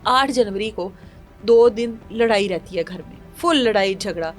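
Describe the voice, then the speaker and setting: A woman's voice: mid-range voice, faint music behind. A woman from Pakistan presenting a news show, retelling a crime case in an indignant, moralizing way and acting out quotes. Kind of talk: emotional crime story retelling.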